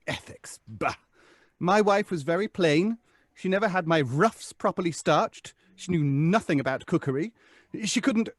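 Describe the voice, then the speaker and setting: An actor playing a haughty, weary centuries-old ghost in an old-time radio drama, with pompous, theatrical phrasing. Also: male voice, high voice, lively intonation, a little slow, dry recording. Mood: indignant, haughty. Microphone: close studio microphone.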